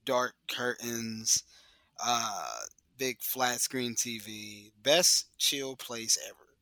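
A man's voice: medium pitch, extremely slow, sharp tone, no echo. A man speaking as a guest in an interview, reflective and hesitant, often trailing off into fillers.

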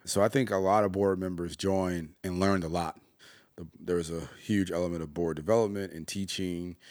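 A man with a very deep voice leads the conversation, animated and quick to jump in, repeating words as his sentences get going. The sound is dry and close, with no room around it. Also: dry recording. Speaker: interview host. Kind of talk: casual conversational interview.

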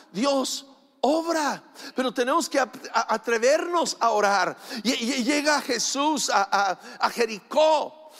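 A man's voice: very high-pitched, a bit bright, long reverb tail. A male pastor preaching an emphatic sermon in a church, asking the congregation rhetorical questions and acting out quotes.

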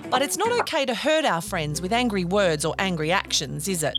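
A woman's voice: medium pitch, animated, fairly quick, fairly bright tone, faint music behind. A woman hosting a children's podcast, talking to young kids in a gushing, encouraging, sing-song way. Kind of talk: talking to young children, guided feelings exercise.

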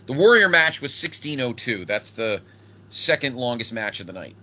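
A man hosts a casual wrestling fan podcast with an animated, widely moving voice. His tone is bright and punchy, his talk enthusiastic and unfiltered. The audio is a little dull and lo-fi. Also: mid-range voice, moderate pace. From northeastern United States. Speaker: wrestling show podcast host. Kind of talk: casual chat commentary on retro wrestling.

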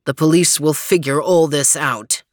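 Stout-hearted male sleuth, firm and defiant, a little deeper, voiced by a woman reader. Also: measured pace, no echo, studio quality. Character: bold male detective hero.

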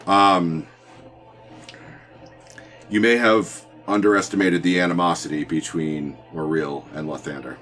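Male game master, deep-pitched, casual tabletop narration with music underneath. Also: steady tone, measured pace, long pauses, a bit bright.

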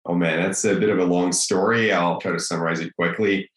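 Russian-born guy in his 30s, low voice, easygoing, echoey room. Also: fairly even intonation, brisk, fairly bright tone. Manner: easygoing, storytelling. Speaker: guest, mortgage broker. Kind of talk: interview answers.

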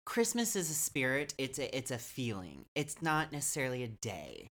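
A man's voice: medium pitch, big pitch swings, normal speed, fairly bright tone. A man co-hosting a podcast in casual chat, speaking earnestly and trailing off into restarts. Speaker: podcast co-host.

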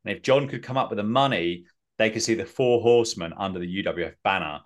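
Man, lowish pitch, casual recap chat, rambling, filler-heavy. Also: fast. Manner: rambling, self-mocking, many fillers. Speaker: podcast host.

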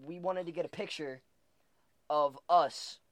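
Full of profanity and frequent laughs, this young man spins animated stories in casual conversation. He speaks unhurriedly in a fairly high voice, recorded dry.

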